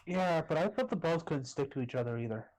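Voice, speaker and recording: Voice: medium pitch, animated, fast, a little mellow, rough recording. Teasing game master with frequent laughs. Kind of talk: casual tabletop role-play narration.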